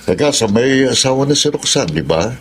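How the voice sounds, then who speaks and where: A man's voice: medium pitch, expressive, brisk, a little hiss or hum, close to an everyday voice. An actor playing Jonas, a joking male coworker teasing his friend about being in love.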